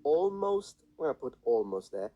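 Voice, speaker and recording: Guy with a husky voice teaching pronunciation, swoops his pitch around a lot, very sure of himself. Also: expressive, normal speed, a little mellow, rough recording. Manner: demonstrates sounds, confident and dismissive of bad teaching. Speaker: language teacher. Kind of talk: explanatory lesson in a played video.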